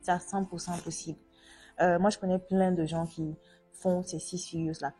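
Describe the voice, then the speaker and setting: A woman's voice: lowish voice, level tone, moderate pace, mellow, breathy edge, faint music behind. A woman from Africa hosting a casual interview, chatty and asking long, rambling questions. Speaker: host.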